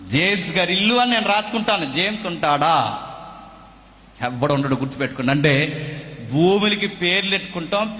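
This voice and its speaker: Male pastor, somewhat high and bright, preaching in a hall with long reverb; rhetorical questions, loud declaiming traded with quiet asides. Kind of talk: sermon.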